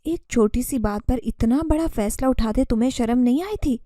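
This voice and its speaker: A woman voicing a male jinn disguised as a servant, speaking in a shouting, commanding way. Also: a little high, moderate pace, no echo, studio quality, close to an everyday voice. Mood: angry.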